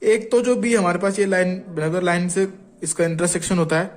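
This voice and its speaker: A man's voice: high-pitched, steady tone, normal speed. A man teaching shorthand in a patient tutorial, repeating each sound aloud as he writes and often checking in with his viewers. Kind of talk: Hindi tutorial explaining strokes.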